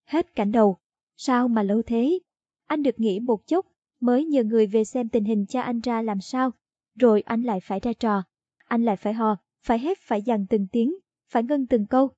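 A woman reading a short story aloud in a steady storytelling narration. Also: a little high, breathy edge, no room sound. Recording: dull lo-fi dry audio.

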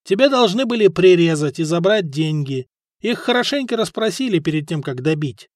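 A man's voice: sits high, normal speed, no room sound, clean studio sound. A man doing a cool, mocking young man. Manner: calm, lightly mocking.

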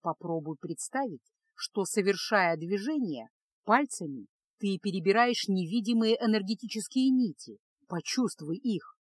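A woman voicing a gloomy male mage, speaking low and measured like a patient teacher. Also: expressive, slightly rough, dry recording. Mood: calm lecturing.

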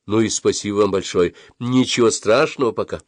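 A man's voice: fairly low pitch, a little fast, dry recording, clean studio sound, natural voice. A man reading an audiobook, voicing a sarcastic, sing-song middle-aged mother in a raised voice. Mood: coaxing. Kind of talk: audiobook character voice.

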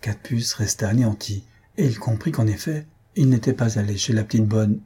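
A man narrating an audiobook in a measured, even storytelling manner. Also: lowish voice, slightly rough. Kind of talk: audiobook reading.

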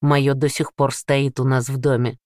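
A man voicing an earnest young adult son who speaks gently but insistently. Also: medium pitch, flat delivery, moderate pace, dry recording, studio quality, close to an everyday voice.

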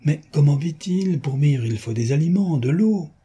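A man's voice: a little high, animated, normal speed, dark tone, breathy edge, voice pushed up. A man voicing a skeptical middle-aged investigating judge, questioning, in a storybook reading. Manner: doubtful, questioning.

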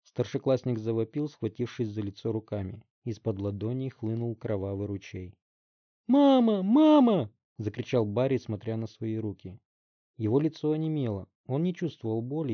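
A man's voice: mid-range voice, fairly quick, no echo, dull audio. Male audiobook narrator, dry sound.

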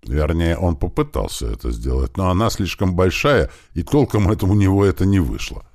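A man narrating an audiobook with lively storytelling. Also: low-pitched, a little fast, creaky, no echo, studio quality.

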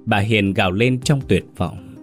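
Deep-voiced man narrating a ghost story. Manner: dramatic, measured storytelling. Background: faint music.

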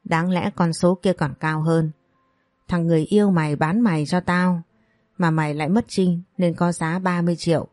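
A callous older brothel madam, as a woman storyteller voices her, cold and mocking. Her threats come in a low, mellow tone. The sound is dry and close. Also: steady tone, normal speed, dry recording, lightly acted. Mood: menacing.

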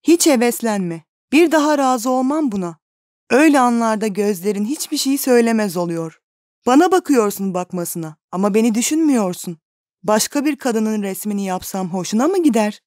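A woman reading the lines of a gentle, devoted young woman, speaking tenderly and pleadingly. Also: a little high, animated, moderate pace, dry recording, studio quality, close to an everyday voice. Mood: sulky.

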